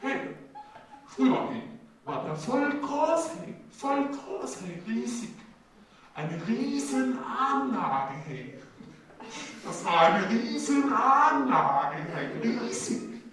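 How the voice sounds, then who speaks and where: A man doing a rambling, absurd stand-up monologue, dropping "hey" into nearly every phrase with halting, repetitive wording. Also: extremely high pitch, sing-song, a bit bright. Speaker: stand-up comedian. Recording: very echoey hall, mic far off, audience laughing. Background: audience laughter.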